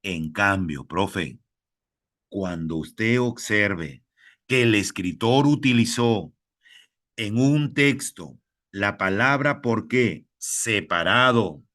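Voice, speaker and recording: In a recorded lesson for teachers, a man with a Peruvian Spanish accent speaks at an unhurried pace with a bright, lively pitch. He repeats each rule slowly and addresses the listener directly as a fellow teacher.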